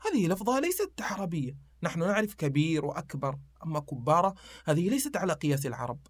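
A man's voice: on the high side, quick pace, no room sound. A man, telling old anecdotes and reciting verse in a casual podcast chat. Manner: animated storyteller reciting poetry, fillers.

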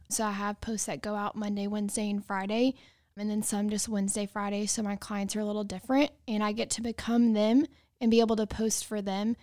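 A woman's voice: medium pitch, darkish tone, dry recording, studio quality. Young woman intern from Texas. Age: 20s.

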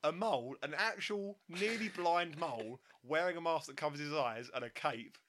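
Bright-voiced Essex man, giggly. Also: on the high side, normal speed. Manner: giggly, steering with questions. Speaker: podcast co-host. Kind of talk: casual banter.

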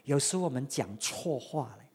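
A preacher giving a sermon, retelling a story with many rhetorical questions and swings between loud and quiet. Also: mid-range voice, lively intonation, moderate pace, breathy edge.

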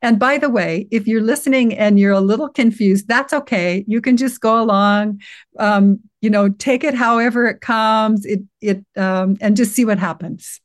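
Older woman slowly walking folks thru an awareness exercise, soft and reassuring, lots of restarts. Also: mid-range voice. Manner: gentle, reassuring, halting with many restarts. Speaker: guest teacher guiding a practice. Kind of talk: guided meditation walkthrough in conversation.

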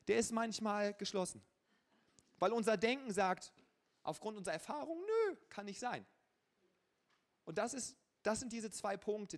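A man preaching a lively sermon in a conversational, colloquial way, often adding a casual "ja". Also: high-pitched. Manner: colloquial and conversational, with frequent filler ja. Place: church service.

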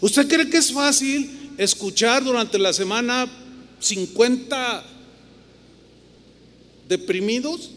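Animated Mexican pastor preaching in reverberant hall. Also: male voice, extremely high pitch, slow pace, long pauses. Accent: Mexican Spanish. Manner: animated storytelling, voices other people's lines. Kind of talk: sermon. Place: church hall with long reverb. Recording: reverberant hall, faint noise.

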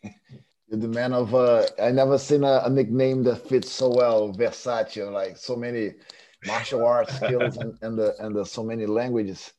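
A man's voice: mid-range voice, steady tone, moderate pace, dark tone, slight background noise. A man interviewing a guest in a friendly, chatty way, often laughing as he talks. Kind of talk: casual interview chat.

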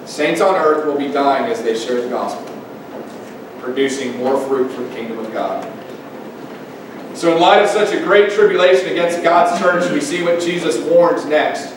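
Male pastor, high-pitched, preaching with passion; recorded from afar in a very reverberant church room. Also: animated, moderate pace, recorded from a distance, background noise. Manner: impassioned preaching, swinging between loud emphatic pushes and quiet low asides. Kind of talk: sermon. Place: church sanctuary. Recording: echoey church room from off-mic, faint ambience.

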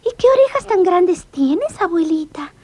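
A woman's voice: extremely high pitch, lively intonation, a little slow, darkish tone, voice pushed up. A woman doing a sweet trusting little girl. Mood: wondering. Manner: childlike, wide-eyed questioning. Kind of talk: storybook read-along voice acting.

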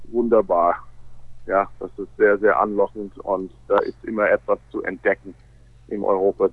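A man's voice: medium pitch, breathy edge, dry recording. North American-accented man on a phone-like line. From Canada. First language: English. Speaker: interview guest, baseball player. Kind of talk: casual radio interview. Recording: narrow, phone-like radio sound.

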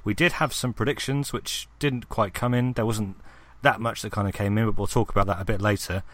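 A man's voice: fairly low pitch, fairly even intonation, a little fast, fairly bright tone, dry recording. A man hosting a casual gaming podcast, rambling with lots of ums and restarts as he puts questions to his co-host.

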